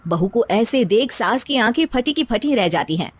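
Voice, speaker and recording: A woman with a high voice narrates a scripted story. Her delivery is very lively in pitch, and the recording is close and dry. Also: moderate pace, dry recording.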